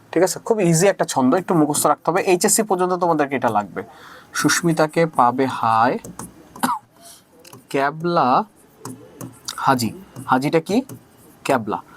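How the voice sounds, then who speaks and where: A man's voice: on the high side, slight background noise. A man teaching a chemistry class on video. He chants a memory rhyme, asks questions and answers them himself, and keeps checking "okay?". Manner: casual, mixes in English words and keeps asking "ঠিক আছে?". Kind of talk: recorded video lecture.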